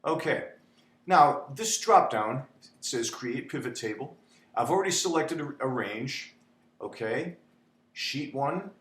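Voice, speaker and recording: A man's voice: mid-range voice, animated, takes it slowly, fairly bright tone. Chatty man teaching spreadsheets, echoey room. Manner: chatty, repeats "okay?", dramatizes panic. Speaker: instructor. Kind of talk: spreadsheet tutorial. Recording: echoey room with faint hum.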